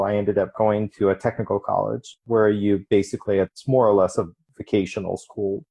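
A man from Ukraine who moved to the United States as a young adult, answering interview questions in a measured, explanatory way. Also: on the low side, vocal fry, darkish tone, husky. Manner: measured, explanatory, with occasional restarts. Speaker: interview guest.

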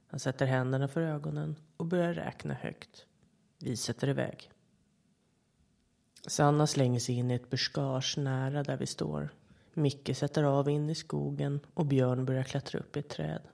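Brief: podcast horror narrator, calm and measured, mid-pitched voice with a gravelly rasp. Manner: calm, measured storytelling with short quoted voices. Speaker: podcast storyteller.

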